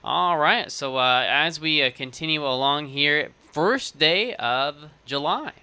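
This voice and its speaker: Folksy male morning radio host, chatty and joking, bright crisp tone. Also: on the high side, animated, takes it slowly, dry recording. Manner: folksy, joking, filler-heavy. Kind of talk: casual radio chat.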